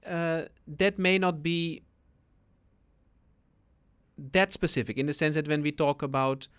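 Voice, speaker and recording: A man's voice: fairly high pitch, a little slow, a bit bright, clean tone. A man, a guest spiritual teacher explaining things patiently on a podcast, often tagging his sentences with a questioning "no?". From Netherlands.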